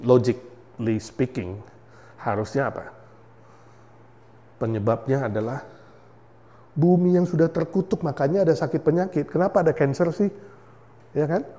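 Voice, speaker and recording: A man with an Indonesian accent preaching a sermon as pastor, animated, swinging from soft to loud and mixing in English words. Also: fairly high pitch, normal speed, pauses often.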